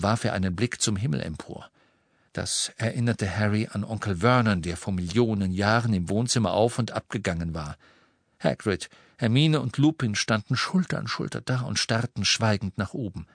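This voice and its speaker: Trockener männlicher Hörbuchsprecher. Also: male voice, fairly low pitch, vocal fry, no echo. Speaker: audiobook narrator. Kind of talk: scripted narration.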